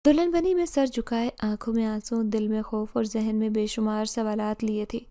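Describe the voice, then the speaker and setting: Mellow woman telling a dramatic story. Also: on the high side, steady tone. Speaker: narrator. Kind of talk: first-person storytelling narration.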